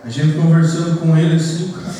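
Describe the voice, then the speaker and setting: Brazilian pastor preaching in an echoey church. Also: male voice, a little high, normal speed, mellow, a little hiss or hum. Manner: earnest, addresses the congregation as "queridos". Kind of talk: sermon. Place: church hall. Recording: echoey church hall picked up from far off.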